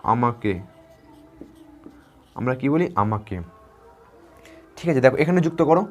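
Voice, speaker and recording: A man teaching a grammar lesson to schoolchildren. He asks a question, answers it himself, and repeats words slowly and encouragingly. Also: on the high side, darkish tone, soft background music. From West Bengal. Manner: encouraging, addresses students directly.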